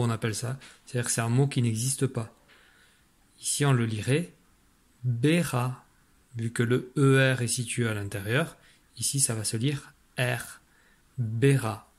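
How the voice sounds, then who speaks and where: A man's voice: mid-range voice, steady tone, normal speed. A man teaching young children in an online spelling lesson, patiently dictating syllables and spelling out sounds and letters. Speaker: primary school teacher.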